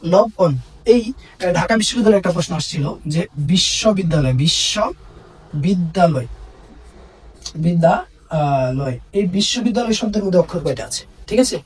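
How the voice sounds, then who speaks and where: Male tutor, high husky voice, off-mic, drilling students with repeated questions. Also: lively intonation, recorded from a distance. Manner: repetitive, quizzing listeners with "ঠিক আছে?"; drags out example words slowly. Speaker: teacher. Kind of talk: exam-prep lesson.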